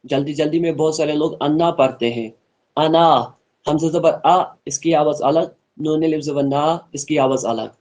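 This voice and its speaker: A man with a slightly high voice leads an online Quran class. He explains each pronunciation rule earnestly and repeats his points for the students. He then models the verses in a slow, melodic recitation. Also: mellow. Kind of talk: online tajweed lesson, explaining and slowly reciting.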